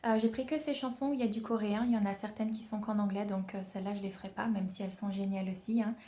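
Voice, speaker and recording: A woman vlogging casually from home about learning songs, chatty and self-mocking, sounding out syllables slowly. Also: medium pitch, fairly even intonation, warm tone, slight background noise. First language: French. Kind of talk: casual vlog.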